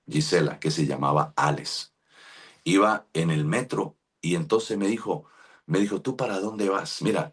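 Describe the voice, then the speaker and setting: A man's voice: low voice, husky. A middle-aged Colombian pastor with a Colombian accent, preaching a sermon as he tells a personal story, acting out the voices he quotes and calling listeners by name. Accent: Colombian Spanish.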